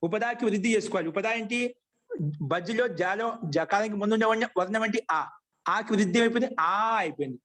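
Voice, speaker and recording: A man giving a grammar lesson, asking questions and answering them himself, and slowly chanting rules. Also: high voice, a bit bright. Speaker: Sanskrit grammar teacher. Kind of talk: classroom lecture.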